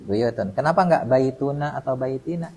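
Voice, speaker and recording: At a mosque study session, a man teaches Arabic grammar lecture-style with call-and-response drills, quizzing students by name and leaving words unfinished for the class to complete. His voice is mid-range, husky and darkish, at a moderate pace, in a rough recording.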